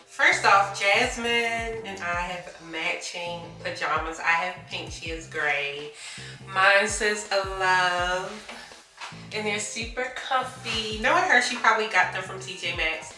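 A woman's voice: medium pitch, slow pace, sharp tone, reverberant, recorded from a distance, faint music behind. A young woman talking casually to the camera in an upbeat, chatty travel vlog, filmed indoors in a small cabin bathroom. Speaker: vlogger.

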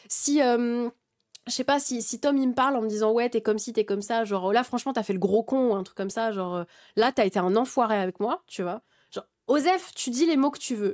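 A woman in her twenties streaming and talking heatedly to her chat, swearing freely and restarting her sentences often. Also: fairly high pitch. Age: 20s. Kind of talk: casual rant to chat.

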